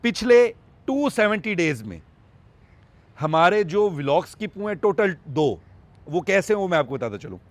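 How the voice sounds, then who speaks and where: A man's voice: high voice, normal speed, no echo. A man keeping animals on a farm, talking casually to his vlog viewers in a chatty way and repeating phrases to press a point. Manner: calm, coaxing with an animal. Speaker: vlogger, wild animal farm keeper.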